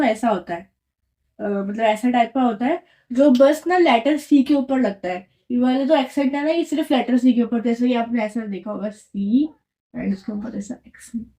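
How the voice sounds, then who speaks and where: A woman's voice: on the high side, normal speed, warm tone. A young woman explaining a language lesson in a casual way, patiently repeating each answer and quizzing her viewers. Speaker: French teacher.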